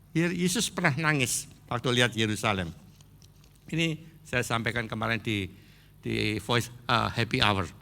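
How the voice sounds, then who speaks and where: A middle-aged man with an East Javanese accent, preaching a sermon and slipping into Javanese asides, swinging between loud exhortation and low earnest talk. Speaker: pastor.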